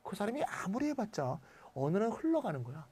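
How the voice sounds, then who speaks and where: A man's voice: high-pitched, brisk, slightly rough. A man teaching an English grammar lecture in a chatty, blunt manner, full of asides. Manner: lively, chatty and blunt, with asides and mild swearing.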